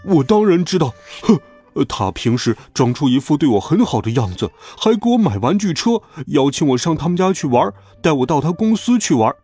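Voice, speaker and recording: A man's voice: fairly high pitch, big pitch swings, fairly quick, warm tone, husky, soft background music. A man voicing a chubby schoolboy who whines and sobs through his words in a storybook reading. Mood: sobbing. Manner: sobbing, whiny. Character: chubby crying schoolboy, whiny and blubbering.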